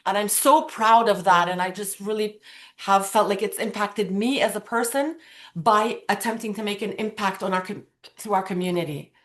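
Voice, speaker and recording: A woman from Lebanon whose first language is Arabic, speaking earnestly and warmly as an interview guest. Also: mid-range voice, normal speed. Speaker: guest, pageant titleholder. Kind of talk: casual interview conversation.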